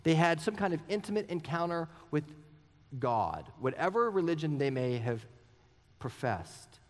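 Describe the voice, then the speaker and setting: A man's voice: a little high, sing-song, a little slow. A man in his thirties preaching a sermon as pastor, earnest and personal, asking many rhetorical questions. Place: church sanctuary. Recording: long church hall reverb.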